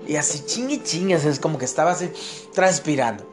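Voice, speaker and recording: A man's voice: quick pace, over music. Slangy man telling a story. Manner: slangy, animated, shifts into high squeals when quoting others. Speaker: podcast host. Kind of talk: casual storytelling chat.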